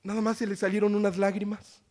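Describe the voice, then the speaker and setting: A man preaching a sermon, reading scripture quietly and rising into loud appeals with questions to the congregation. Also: high-pitched, little pitch movement, quick pace. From Latin America.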